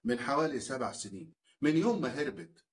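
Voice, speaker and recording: A man's voice: mid-range voice, lively intonation, fast talker, lightly acted. A man voicing a young Egyptian villager who answers with cold, guarded words. He gives away nothing.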